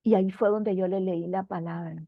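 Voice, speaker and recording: A woman's voice: medium pitch, fairly even intonation, a little fast, no echo. A woman giving a personal spiritual testimony at church, telling her story with earnest emotion and addressing her listener as brother. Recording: dull, dry, slightly lo-fi recording.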